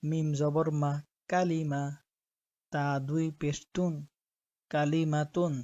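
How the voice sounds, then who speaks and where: Slow, flat-voiced man drilling letters. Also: fairly high pitch, no room sound, dull audio. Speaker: Quran reading teacher. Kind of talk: slow spelling-out lesson.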